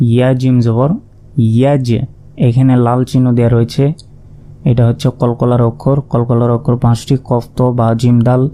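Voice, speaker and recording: With a mellow, medium-pitched voice, a man teaches Quran recitation in Bengali, his accent Bangladeshi. It's a slow reading lesson where he names each letter and vowel mark in turn before chanting the combined word.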